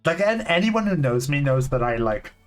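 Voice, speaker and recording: A man in his late thirties streaming live from a home setup. He talks casually and candidly, restarting sentences often and filling pauses with "like.". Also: fairly high pitch, very animated. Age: 30s. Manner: halting, candid, full of "like" fillers and restarts. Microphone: desk mic on a long cable. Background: faint lo-fi music playing.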